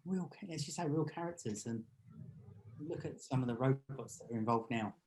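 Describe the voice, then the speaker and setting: A man's voice: mid-range voice, normal speed, darkish tone, rough recording. Brief: middle-aged man, casual podcast co-host, playful, laughs a lot. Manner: chatty, jokey, laughs often. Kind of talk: casual chat.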